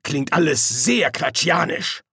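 A man's voice: fairly high pitch, expressive, slow pace, gravelly, pushed and bright, breathy edge, dry recording, clean studio sound, pitched above the performer's own voice, full character voice. A man voicing a bumbling, portly middle-aged army sergeant in an audiobook, with a raised, blustering voice. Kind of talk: audiobook character voice.

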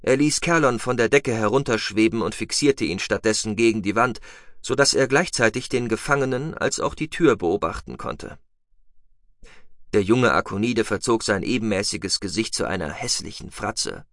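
A man narrating a science-fiction audiobook in an expressive, dramatic storytelling style, close to the mic. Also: lowish voice, normal speed, no room sound.

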